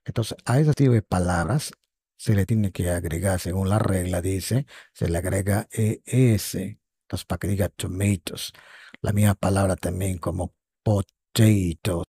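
A man teaching an online English lesson at an unhurried pace. His low voice is gravelly and husky. He patiently repeats words and keeps checking in with his students, recorded close and dry. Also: dark tone, dry recording. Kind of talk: online lesson explaining grammar.

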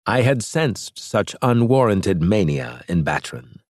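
A man's voice: fairly low pitch, sing-song, slow, a little mellow, slightly rough, dry recording, clean studio sound, exaggerated voice. A man voicing a calculating male alien strategist with a scratchy, clipped, condescending delivery in an audiobook. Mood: cold. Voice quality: scratchy disguised voice. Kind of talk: audiobook character voice.

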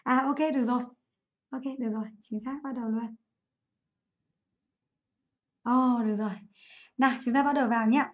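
A woman teaching English in a live online class, chatty and quick to correct her own slips, speaking English words. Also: a little high, fairly even intonation. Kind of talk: live online class, going over an exam.

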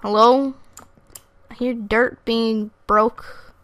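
A woman runs live commentary over her own gameplay, her voice sitting somewhat high. She gets excitable, curses freely and keeps turning to address her viewers directly. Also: drawn-out words, no echo. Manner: excitable, swears freely, talks straight to viewers. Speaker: gaming channel host.

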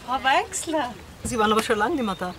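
A woman's voice: fairly high pitch, expressive, fast talker, natural voice. An actress playing a chatty, nosy middle-aged countrywoman in a film drama. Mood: chatty, suspicious. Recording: noisy outdoor ambience.

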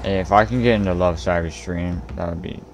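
A man streaming a car-soccer game, chatting casually to his viewers in an excitable, slangy way and giggling often. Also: low-pitched, a little fast, soft background music. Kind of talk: casual gameplay commentary.

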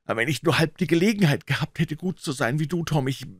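A man voicing a scared, superstitious ragged boy in an audiobook, speaking in a higher, frightened, often whispered voice. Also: big pitch swings, moderate pace, a bit bright, husky, no room sound, studio quality, full character voice. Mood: fearful. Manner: whispered, frightened, raised pitch.

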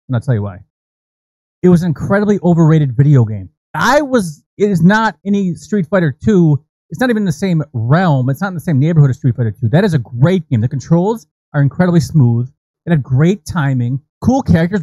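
Recorded close on a mic in a small room set up for podcasting, an American man in his thirties co-hosts with crude, swearing, opinionated comic movie rants. His voice is a little high with a dark tone; the poor audio has no echo.

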